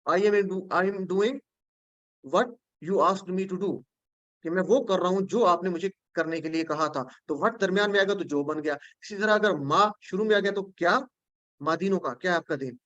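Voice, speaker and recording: A man's voice: high voice, a bit bright, dry recording, dull audio. A man with a Pakistani Urdu accent, teaching the meanings of Quran words, repeating each word patiently and often checking that his students follow. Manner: recites prayer phrases slowly.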